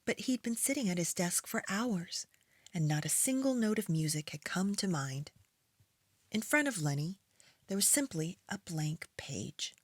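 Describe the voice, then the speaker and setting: A woman reading aloud to young children as a preschool storytime host, in an expressive storytime voice. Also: on the low side. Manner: storytime voice, slow and expressive with acted animal and object sounds.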